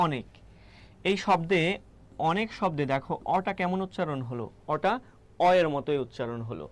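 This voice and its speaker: A young man teaching a live online class, explaining step by step, asking rhetorical questions and checking in with his students. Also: on the high side.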